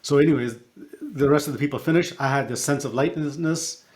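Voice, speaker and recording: A middle-aged man, a coach and podcast guest, telling a personal story in a reflective, halting way with fillers and restarts. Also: fairly high pitch, a little mellow. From born in Africa, raised partly in Canada.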